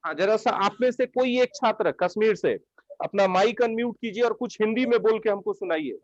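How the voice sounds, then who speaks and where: Teaching an online English vocabulary lesson in Hindi, a man speaks in a high-pitched, brisk voice with no echo. He repeats his own questions and keeps pushing the class for yes-or-no answers. It's picked up on an online class microphone, and the lecture audio sounds dull and dry.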